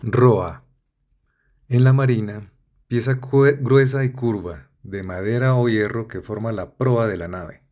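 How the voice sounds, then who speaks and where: A man's voice: mid-range voice, a little slow, a little mellow. A man reading dictionary entries aloud, spelling out letters and listing synonyms in a methodical way. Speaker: vocabulary reader. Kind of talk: slow, deliberate dictionary reading.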